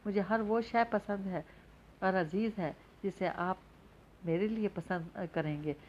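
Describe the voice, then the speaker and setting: A woman's voice: mid-range voice, unhurried, a little mellow, lo-fi sound, slight background noise, natural voice. A woman voicing a shy, earnest young woman soon to be married, in a story reading.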